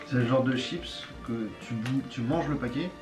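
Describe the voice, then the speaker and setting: A man co-hosting a casual food tasting, describing things in a colloquial, halting way. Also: mid-range voice. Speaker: co-host tasting crisps. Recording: echoey room, music behind. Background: music.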